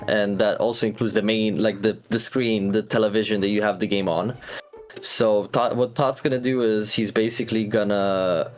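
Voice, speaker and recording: Male speedrun commentator, low voice, rambling explainer, soft music bed. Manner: explains at length with many fillers and restarts.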